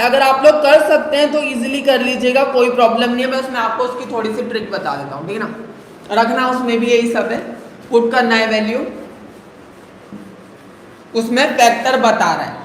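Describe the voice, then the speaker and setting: A man's voice: very high voice, a little hiss or hum. A male math teacher giving a live online lesson, coaxing students with rhetorical questions and calling them "beta". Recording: very echoey room, faint ambience.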